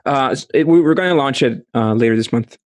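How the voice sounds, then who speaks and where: Costa Rican man, halting founder. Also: mid-range voice, no echo. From Costa Rica. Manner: halting, many restarts and fillers. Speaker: startup founder. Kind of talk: video call interview. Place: small room at home, indoors. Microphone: studio mic with headphones.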